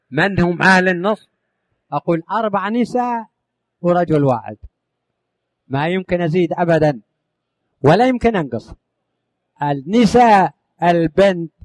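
High-voiced man drilling a lesson. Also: darkish tone, no room sound. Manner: drilling listeners with questions and answers, repeating lists; rising on each question, dropping at the end of lists. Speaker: teacher of Islamic inheritance law. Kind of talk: recited classroom lesson.

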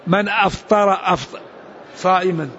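A man teaching a religious lesson in an explanatory, unhurried way, restarting and adding asides. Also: high-pitched, steady tone, a bit bright, dull audio, slight background noise. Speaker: Islamic scholar.

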